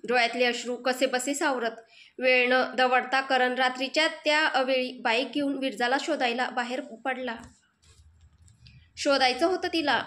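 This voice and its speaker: High-voiced woman narrating a love story. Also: fairly bright tone. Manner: emotive, dramatic storytelling.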